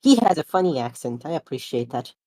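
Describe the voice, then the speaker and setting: A woman's voice: sits low, sing-song, brisk, mellow, no room sound. A woman chatting playfully with friends on a live stream call. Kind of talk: casual chat.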